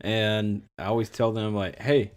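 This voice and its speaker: A man with a slight lisp, co-hosting a podcast in relaxed, rambling casual chat. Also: lowish voice, normal speed. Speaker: podcast co-host.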